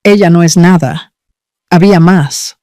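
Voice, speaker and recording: A man voicing a cold, scheming woman who gives orders and speaks with contempt, in a slow, dry read. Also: fairly high pitch, steady tone, darkish tone, no echo, natural voice. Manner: commanding, contemptuous.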